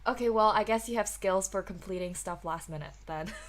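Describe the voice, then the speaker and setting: A woman's voice: medium pitch, brisk, crowd noise. A woman in her twenties from Hong Kong, hosting a casual podcast and chatting with lots of "like" and restarts. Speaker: podcast host.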